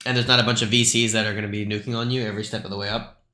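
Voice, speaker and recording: A man's voice: on the low side, level tone, rapid-fire, bright, forceful tone, reverberant. A man hosting a live stream, talking through price charts in a loose, chatty way with lots of asides. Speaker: crypto live stream host.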